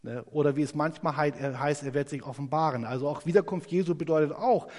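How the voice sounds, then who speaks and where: A man giving a conversational Bible teaching sermon, lively and animated, often ending his points with a quick tag question. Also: a little high. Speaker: preacher. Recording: long hall reverb.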